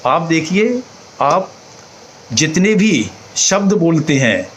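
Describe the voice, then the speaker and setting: A man teaching slowly, pausing to demonstrate each sound aloud. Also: fairly high pitch, big pitch swings, a little hiss or hum, low-quality recording. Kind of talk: explanatory talk on chanting.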